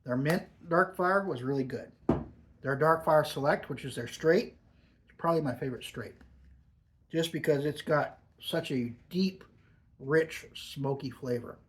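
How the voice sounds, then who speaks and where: A man's voice: on the high side, a little slow. A man giving a casual, off-the-cuff product review with a lip full of dip pouches, savouring and stressing his words as he goes.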